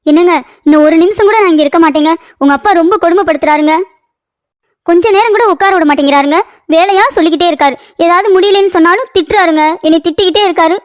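A woman voicing a young, sharp-tongued, scheming daughter-in-law in a cartoon story, scolding and complaining. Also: very high voice, fast talker, dry recording, studio quality.

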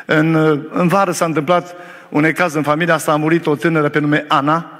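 A man's voice: fairly high pitch, level tone, a bit bright. A male pastor preaching a sermon to his congregation, telling a story with fervent conviction. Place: church hall during a service. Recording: long reverb of a church hall.

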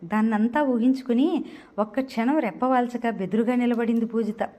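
A woman reading an audio novel aloud with steady expression. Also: on the high side, normal speed. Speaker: storyteller.

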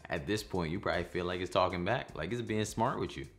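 A man's voice: sits low, fast talker, over music. A man in his thirties hosting a home cooking vlog, talking to camera in a kitchen with playful, jokey asides. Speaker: cooking channel host. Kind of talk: casual talk to camera, then voice-over.

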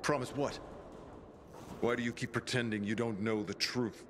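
An actor playing a cold, grim middle-aged scientist villain and obsessed father in a video game, speaking in a menacing, deliberate way. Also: mid-range voice, steady tone, background noise, close to an everyday voice. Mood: stern, pressing. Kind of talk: dramatic video game acting. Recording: music behind the voice.

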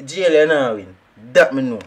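A young Jamaican man streaming a shooter game, talking through it in excitable, rambling trash talk. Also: mid-range voice, moderate pace. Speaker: gaming streamer. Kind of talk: live gameplay commentary.

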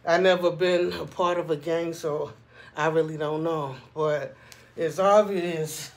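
A man's voice: a little high, fairly even intonation, measured pace. A man vlogger giving a casual opinion monologue in a conversational way, often checking in with the listener. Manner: conversational, frequently checking in with "you know what I'm saying".

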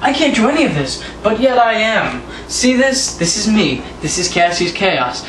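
A man's voice: high voice, big pitch swings, moderate pace, a bit bright. Sarcastic 18-year-old man cutting a promo. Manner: sarcastic, taunting. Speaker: backyard wrestler. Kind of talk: wrestling promo. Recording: roomy, distant, noisy home recording.

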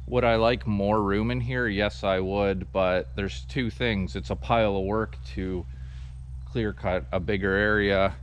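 A man, casually explaining his sawmill setup outdoors in a forest clearing, talking to a camera held at arm's length with plenty of ums. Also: fairly low pitch, unhurried, a little hiss or hum. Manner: relaxed, rambling explanation with many ums. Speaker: sawmill vlogger. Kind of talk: casual walkthrough vlog.

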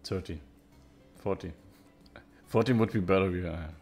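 Man, thirties, casino streamer, casual profane commentary, lowish voice, faint music behind. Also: takes it slowly. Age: 30s. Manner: casual, profane, excitable outbursts.

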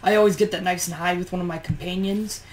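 Tired, low-voiced woman grumbling through gameplay. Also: steady tone, fast talker, poor audio. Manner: grumbling, exasperated, chatty. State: tired, morning voice. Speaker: let's play host. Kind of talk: gameplay commentary. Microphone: push-to-talk mic.

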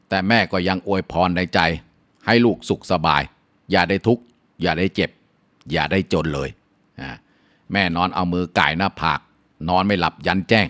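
A male storyteller reading a moral folk tale in a steady, measured voice. His pitch sits low, and he fills pauses with drawn-out sounds.

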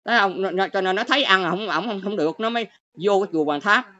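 A woman's voice: medium pitch, fast, pushed and bright, no room sound. An older woman with a Southern Vietnamese accent, ranting and lecturing her viewers on a livestream in a scolding, exclamatory way. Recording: dull lo-fi stream audio.

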